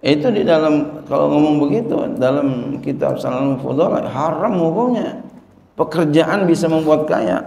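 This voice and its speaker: Middle-aged religious teacher, man, casual repetitive delivery, mellow tone, echoey room. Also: fairly high pitch, normal speed, vocal fry. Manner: repetitive, conversational, acts out quoted people. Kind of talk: colloquial Quran commentary lesson. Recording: roomy echo.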